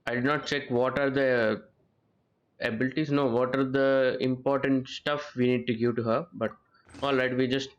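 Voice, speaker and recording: This game streamer is a man whose medium-pitched voice has a flat delivery at normal speed, captured in dull audio. He offers casual live commentary, rambling, thinking aloud and repeating phrases over game music and character voices.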